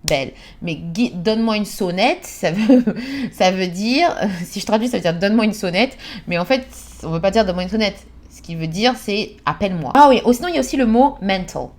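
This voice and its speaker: A young woman from France talks through British slang in a relaxed vlog. She is chatty and lively, breaks into quick English examples, and laughs at her own slips. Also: mid-range voice. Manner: chatty, animated, acts out short English examples and laughs at herself. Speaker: vlogger teaching British English expressions. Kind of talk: casual explanatory vlog.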